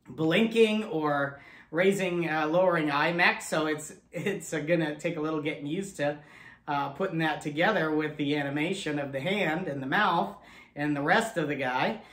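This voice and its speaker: A man's voice: a little high, a bit bright. American guy doing a casual unboxing, takes his time, echoey room. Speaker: ventriloquist host. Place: indoor puppet studio room. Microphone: camera a few steps away. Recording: echoey room, distant camera mic.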